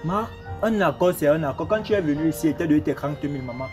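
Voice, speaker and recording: A curt, fast-talking angry wife. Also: female voice, low voice, animated, mellow, soft background music. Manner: curt, threatening orders. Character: wife who angrily throws a hairdresser out. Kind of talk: film drama acting.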